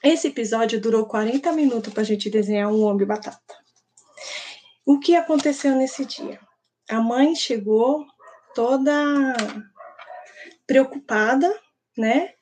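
A woman with a fairly high voice, telling a story from her work at a church teaching session. She is animated and acts out the people in her anecdote with changing voices. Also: measured pace, long pauses, slight background noise.

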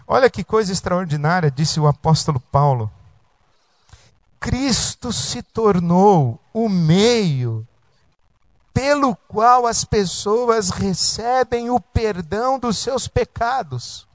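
A man's voice: sits high, animated, slow pace, no room sound. A man preaching a sermon as pastor, in an emphatic, repetitive cadence.

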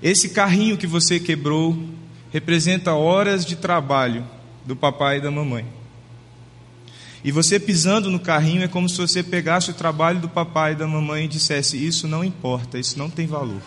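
A man in his thirties, a pastor preaching a sermon, telling a family story in a gentle, earnest way and slowing down for emphasis. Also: a little high, fairly even intonation. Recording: long reverb of a large hall.

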